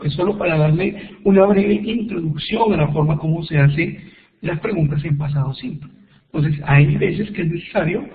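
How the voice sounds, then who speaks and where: A man teaching an online English grammar lesson, explaining slowly and patiently with repeated examples. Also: a little high. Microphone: computer microphone on a web call. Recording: echoey tinny web conference audio.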